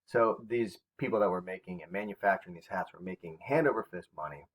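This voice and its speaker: A man's voice: low voice, quick pace, low-quality recording. A man teaching a recorded history lesson to his students, talking in a conversational way with fillers and self-corrections.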